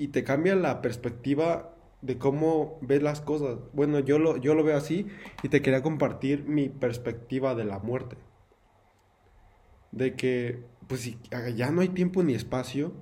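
A man's voice: medium pitch, dark tone. A man with a Mexican Spanish accent giving an earnest, reflective monologue to his viewers at home, full of casual slang and imagined self-talk. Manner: earnest, heavy slang, talks to himself aloud. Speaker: vlogger. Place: home during lockdown.

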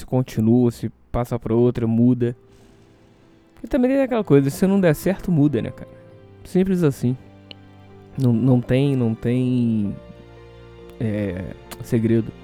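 Brazilian male host, hungover, mid-pitched and very dark-toned, hesitant rambling monologue, music behind. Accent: Brazilian Portuguese. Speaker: solo show host.

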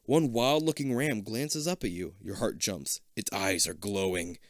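A man's voice: fairly low pitch, measured pace, dry recording, clean studio sound. A man casually reading an adventure gamebook aloud, with joking asides. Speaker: reader.

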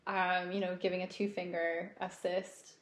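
A woman co-hosting a podcast and teaching yoga, chatting in a relaxed way with many fillers. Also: fairly low pitch, normal speed. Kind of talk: casual podcast chat. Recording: roomy echoey recording.

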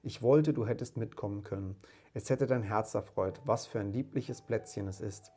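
A man voicing a loving, grieving father of a poor family, speaking warmly and tenderly. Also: on the low side, moderate pace, husky, faint music behind.

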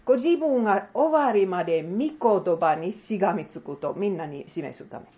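A woman's voice: medium pitch, lively intonation, moderate pace, mellow, highs cut off. A woman preacher giving an earnest sermon that she closes with a prayer, putting questions to her listeners.

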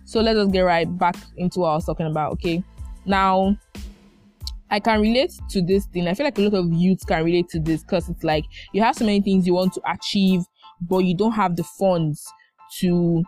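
A woman's voice: medium pitch, a little mellow. A young woman with a Nigerian accent hosting a casual solo podcast, chatty and emphatic, repeating phrases for effect. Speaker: podcast host.

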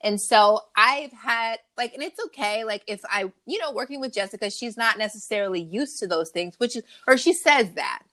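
A woman's voice: fairly high pitch, normal speed, few pauses, a bit bright. A woman co-hosting a podcast in brash, profane, playful casual chat. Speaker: podcast co-host.

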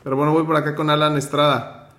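A man runs an online finance workshop, teaching with motivation and handling roll call firmly, giving direct instructions. His voice is a little high and somewhat bright, with little pitch movement and a fast pace. The recording is reverberant.

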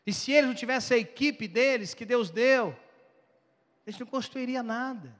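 A male pastor preaching a sermon with animated, dramatic storytelling. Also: very high voice, moderate pace, in a large hall.

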